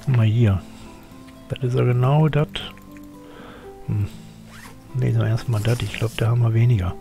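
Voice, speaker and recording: Older male streamer, mellow voice, chatty muttering let's play commentary, faint game music behind. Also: mid-range voice, fairly even intonation, moderate pace, gravelly. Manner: chatty, muttering to himself and grumbling at his game character.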